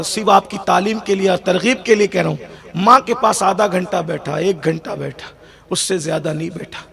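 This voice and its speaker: Gravelly high-voiced preacher man. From India. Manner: builds from soft storytelling to loud, shouting, sing-song emotional climaxes. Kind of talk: Urdu religious sermon. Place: large gathering at a religious festival.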